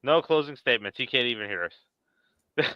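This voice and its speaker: A man's voice: mid-range voice, normal speed, clean tone, dry recording, dull audio. A man hosting a casual live show, laid-back, laughing often and steering the talk. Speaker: podcast host. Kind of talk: casual chat.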